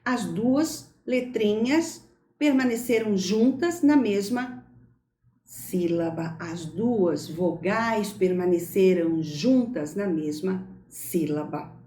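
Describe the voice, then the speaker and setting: A woman teacher giving a recorded school lesson, speaking slowly and stressing words carefully for young pupils. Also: mid-range voice, dark tone, reverberant.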